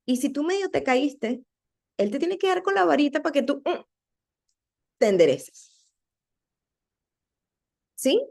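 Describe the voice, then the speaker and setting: A woman giving an earnest, conversational devotional talk to other women, often checking in with quick rhetorical questions. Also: sits high, very animated, gravelly, dark tone. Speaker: women's ministry teacher.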